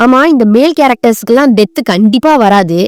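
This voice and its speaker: A woman's voice: on the high side, expressive, a little fast, smooth, dry recording, studio quality, natural voice. A woman voicing a young noble lady trapped inside a game, fretting and pleading in her inner thoughts. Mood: anxious. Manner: fretful inner monologue, pleading.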